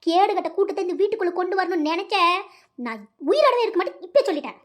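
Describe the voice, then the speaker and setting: Someone voicing a domineering, money-minded cartoon mother who lectures her son. She scolds and bosses him in a very high-pitched voice at a quick clip. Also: lively intonation. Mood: scolding. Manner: scolding, bossy, colloquial. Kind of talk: cartoon voice acting.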